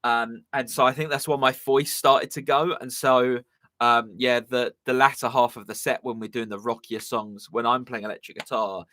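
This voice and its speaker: This young man, a musician with a southern English accent, chats casually on his live stream, rambling and filling gaps with ums and uhs. His mid-range voice is pushed and bright, a little strained, with fairly even intonation at normal speed and no echo.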